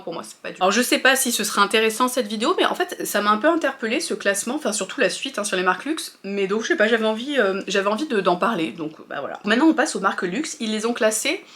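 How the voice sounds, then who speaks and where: A woman's voice: medium pitch, a bit bright. Chatty French woman vlogger. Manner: chatty, hesitant, many fillers and restarts. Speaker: fashion vlogger. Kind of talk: casual opinion chat to viewers.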